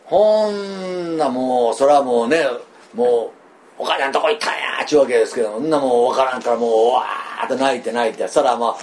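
An older man with a Kansai accent, preaching a sermon in a folksy, animated way, full of fillers and asides. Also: mid-range voice, a little fast. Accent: Kansai (Osaka dialect). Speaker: pastor.

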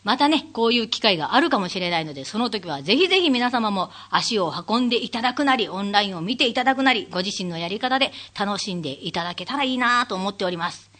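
A woman hosting her own talk show, chatting alone and acting out what people said with big jumps in her voice, laughing often. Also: quick pace. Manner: animated storyteller who acts out quotes with big pitch leaps; laughs often while talking. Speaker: radio show host; stage manager. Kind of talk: casual solo talk-show monologue.

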